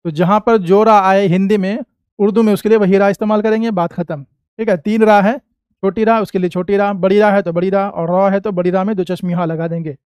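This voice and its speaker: A man with an Indian Hindi accent teaching an Urdu class, patiently asking questions and answering them himself, saying each sound slowly. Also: high voice, steady tone, darkish tone, clean tone, no echo. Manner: patient, asks and answers his own questions. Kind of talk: classroom lesson.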